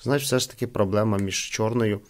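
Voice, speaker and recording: This man reviews gadgets fast, in a fairly low voice with fairly even intonation. Working indoors at a wooden table, he gives a casual, explanatory hands-on demo and often repeats himself.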